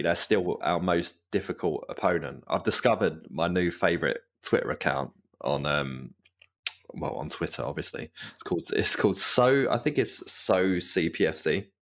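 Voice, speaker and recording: Deep-voiced man in casual fan chat. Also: lively intonation, normal speed. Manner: chatty, laughs often, rambling asides. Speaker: podcast co-host.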